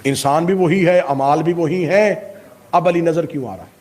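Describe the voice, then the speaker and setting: A man's voice: fairly high pitch, darkish tone. A middle-aged man preaching a sermon to a gathering, impassioned and full of rhetorical questions. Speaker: Shia cleric giving a majlis.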